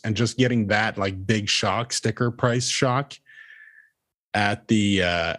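A young man from Norway, co-hosting a podcast in casual, earnest chat. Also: fairly low pitch. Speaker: podcast co-host.

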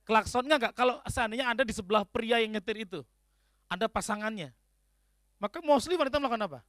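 A man gives a humorous sermon to his congregation. His voice sits very high and swings widely in pitch, and he acts out the people he quotes. The sound is dry and close. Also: sharp tone, no echo. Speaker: speaker addressing a congregation. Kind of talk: humorous sermon-style talk.

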